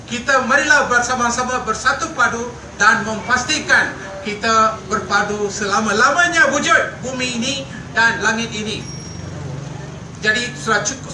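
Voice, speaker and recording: Older Malaysian man, earnest and repetitive rally orator, high-pitched, boomy PA sound with street noise. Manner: earnest, emphatic and repetitive, with hesitant fillers. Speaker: rally speaker. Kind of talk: political rally speech. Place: outdoor night rally by a street. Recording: echoey PA sound from far off with traffic noise.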